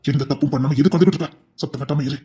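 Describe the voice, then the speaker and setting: A woman playing a gruff scolding husband. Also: deep voice, rapid-fire, soft background music, pitched below the performer's own voice, natural voice. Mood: stern. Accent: Tirunelveli Tamil. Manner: stern, clipped, hushing.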